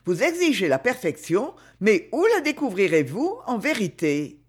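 A man's voice: high-pitched, sing-song, moderate pace, husky, voice pushed up, exaggerated voice. A man reading aloud and voicing a playful society lady who teases in a raised voice. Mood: teasing. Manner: teasing, half laughing.

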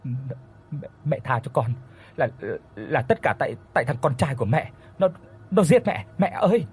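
A man's voice: fairly high pitch, expressive, fairly quick, darkish tone, slightly rough, soft background music, voice pushed up. A man voicing a terrified village wife who stammers and pleads with a ghost. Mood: terrified pleading.

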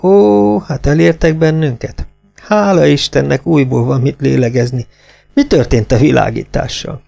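A man playing a dazed, gravelly scientist. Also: medium pitch, dark tone, pitched above the performer's own voice. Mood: dazed, relieved. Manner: bewildered, relieved. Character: dazed male scientist just waking up.

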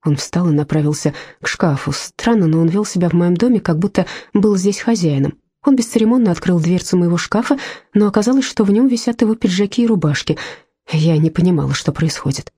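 Woman, audiobook narrator, calm, measured, dry close sound, mellow. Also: lowish voice, husky, no echo. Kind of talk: first-person audiobook narration.

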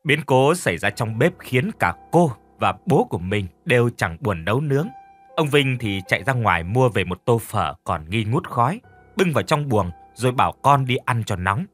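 Expressive male audiobook narrator. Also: medium pitch, normal speed, soft background music. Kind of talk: dramatic story narration.

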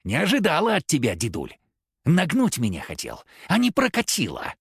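A man voicing a spiteful, foul-mouthed young woman who acts like a teenager raised on the streets, with a husky, hissing voice. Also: fairly high pitch, wildly swooping pitch, moderate pace, dry recording, studio quality, pitched above the performer's own voice, heavily acted. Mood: mocking. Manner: spiteful, swearing, jumpy. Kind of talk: audiobook character voice.

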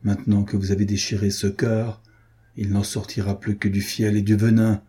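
A man voicing a jealous, passionate noblewoman in an audiobook reading, raising his pitch as she pleads and rages. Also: completely flat delivery, moderate pace, mellow, breathy edge. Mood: furious. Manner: pleading then bitter, vengeful. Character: jealous, passionate noblewoman scorned by her lover.

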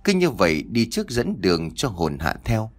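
A man reads an audiobook story with a dramatic, expressive delivery. His voice sits low, and his pitch swings widely and lively. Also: normal speed. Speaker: narrator.

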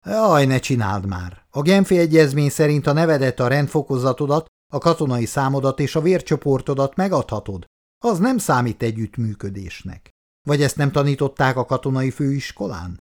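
A cool-headed militia leader speaks with dry mockery, read by a man in an audiobook. He teases and lectures in a lively, rising and falling voice. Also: mid-range voice, voice pushed up, close to an everyday voice. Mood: cool mocking.

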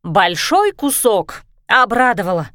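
A woman reading a storybook, voicing a chatty, excitable female dragon in a high, bubbly voice. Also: unhurried, dry recording, clean studio sound. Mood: upset.

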